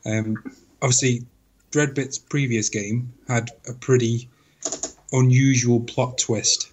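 A man's voice: mid-range voice, steady tone, takes it slowly, a little hiss or hum. A man co-hosting a casual game discussion, thoughtful and given to stammering restarts. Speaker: podcast co-host.

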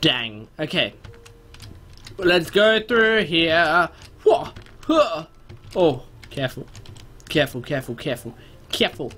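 This young man, a gaming video host born in New Zealand who spent his first three years there, speaks slowly with long pauses in a slightly high voice. Still, his casual commentary is animated and excitable, full of exclamations and self-interruptions. He's recording indoors in a small room at home.

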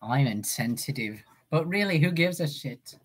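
A woman's voice: a bass voice, expressive, normal speed, slightly rough. A woman voice actor chatting casually on a livestream, playful and jokey with frequent swearing. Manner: playful, jokey and profane, slipping into silly voices. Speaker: voice actor streaming.

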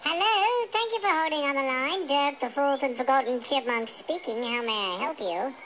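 A man's voice: very high voice, lively intonation, normal speed, pushed and bright, faint music behind, heavily acted. A man voicing a chatty, theatrical British chipmunk on a comic radio phone-in, stammering and repeating himself politely. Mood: polite, curious. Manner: stammering, repetitive, over-polite. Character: fourth, forgotten chipmunk from England, chatty, fussy, theatrical. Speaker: phone-in host character. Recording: noisy radio played through TV speaker.

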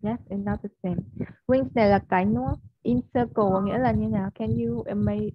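Vietnamese teacher coaching English pronunciation. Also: female voice, mid-range voice, steady tone, moderate pace, husky, no room sound. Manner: coaxing, keeps checking with "yes or no?" and modelling stressed words. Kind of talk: one-on-one online English lesson. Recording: slightly dull, dry audio.

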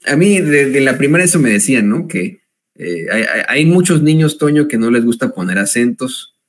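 A man's voice: mid-range voice, big pitch swings, moderate pace. A Mexican-accented man hosts a commentary show with a mid-range voice. He reads the news aloud and breaks in with sarcastic, chatty remarks. His speech is full of hesitations. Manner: frequent hesitations and laughs. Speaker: host.

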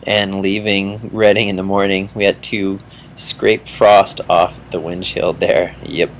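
Laid-back man with a low voice. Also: little pitch movement, a crowd in the background. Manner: laid-back, unhurried, chatty. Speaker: video host and interviewer. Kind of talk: casual travel narration and interview.

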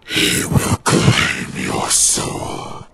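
A man's voice: very slow, heavy background noise. A man voicing a menacing demonic servant in a fantasy game, with a monstrous, growling, dragon-like voice and threatening pronouncements. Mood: menacing, wrathful. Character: menacing male demonic daedra servant demanding souls. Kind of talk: fantasy game character acting.

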